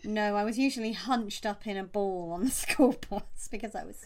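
A woman's voice: mid-range voice, normal speed, a little hiss or hum. A woman co-hosting a casual music podcast, talking enthusiastically into a close microphone. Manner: enthusiastic, gushing, with restarts. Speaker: podcast co-host.

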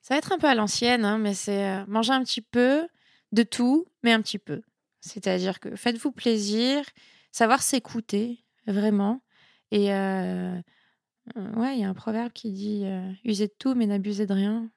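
Woman, nutrition expert guest, chatty and lively, gravelly voice, dry close sound. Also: mid-range voice, normal speed, no echo. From Italian heritage. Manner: lively, chatty, repeats words when thinking. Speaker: sports nutritionist, podcast guest. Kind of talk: casual interview talk.

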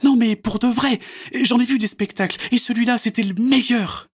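A man doing an excited little storybook girl. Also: extremely high pitch, normal speed, slightly rough, voice pushed up. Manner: excited, wide-eyed, exclaiming. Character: eager little girl who dreams of dancing. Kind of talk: storybook read-aloud.

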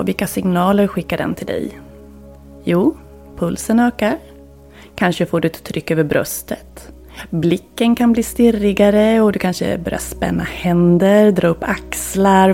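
Woman podcast host, gravelly fry, soft reflective coaching tone. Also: mid-range voice. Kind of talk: calm instructive podcast talk.

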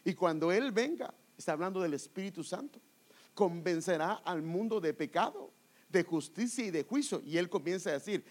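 A man's voice: sits high, expressive, normal speed. A man preaching a sermon, explaining scripture verse by verse and addressing listeners as brother.

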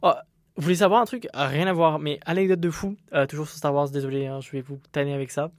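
A man's voice: fairly high pitch, fairly even intonation, fast talker, no room sound, studio quality. A young man hosting his own solo podcast, talking candidly and rambling with frequent restarts. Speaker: podcast host.

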